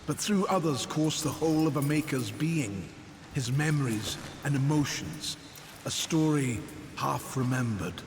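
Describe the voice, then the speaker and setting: Slow, grave old sage. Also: male voice, medium pitch, a little hiss or hum. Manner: solemn, deliberate. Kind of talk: dramatic fantasy game dialogue. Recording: long reverb, music behind.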